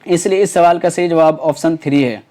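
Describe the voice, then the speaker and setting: A man's voice: a little high, warm tone. A man teaching exam preparation in Urdu. He works through past paper questions option by option, with many fillers, restarts and rhetorical questions.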